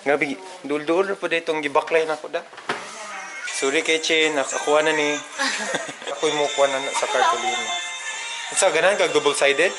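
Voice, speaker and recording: A man's voice: a little high, moderate pace, over music. A man vlogging casually with a handheld camera, joking and laughing often as he switches between languages indoors. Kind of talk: casual vlog chat. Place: indoors, busy house during wedding preparations. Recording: loud background noise.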